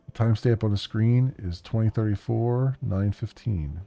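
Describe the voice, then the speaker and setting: A man's voice: fairly low pitch, moderate pace, creaky, dark tone. A male streamer reading game text aloud during a let's-play, with casual, hesitant asides.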